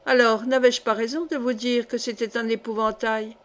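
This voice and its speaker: A woman's voice: a little high, flat delivery, moderate pace, close to an everyday voice. A woman reading aloud and voicing a young male clog-maker who accuses a rival before a crowd in solemn, rising oratory. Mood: accusing.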